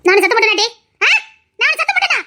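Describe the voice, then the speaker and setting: A woman playing a sharp-tongued village mother-in-law who scolds and demands in a family drama skit. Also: very high voice, fast. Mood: scolding.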